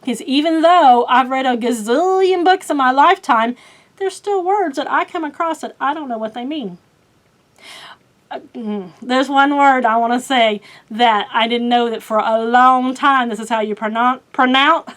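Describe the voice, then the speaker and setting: Chatty Oklahoma woman with a high voice. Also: unhurried, fairly bright tone. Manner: chatty, rambling with many fillers, laughs at herself. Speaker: book vlogger. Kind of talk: casual chat.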